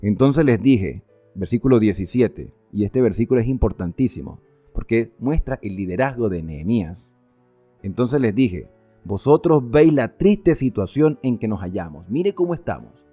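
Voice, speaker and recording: A man teaching a Bible study, explaining the passage verse by verse with fervent exhortation and quieter emphasis. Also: fairly low pitch, very animated, normal speed, slightly rough, soft background music.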